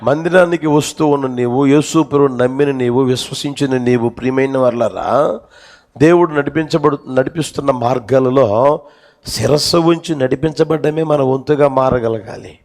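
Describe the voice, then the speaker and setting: A man's voice: medium pitch, moderate pace, darkish tone. A man preaching a sermon in a church, telling stories with passion and repeating his phrases. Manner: impassioned storytelling, repeated phrases. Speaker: pastor.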